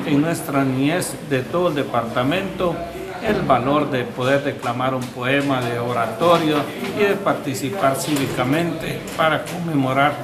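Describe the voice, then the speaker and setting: A man in his fifties with a Guatemalan accent, answering a news interview in a halting, deliberate way. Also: medium pitch, a crowd in the background. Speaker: interviewee, event organiser. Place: indoors, small room against plain wall. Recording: roomy echo, people in background.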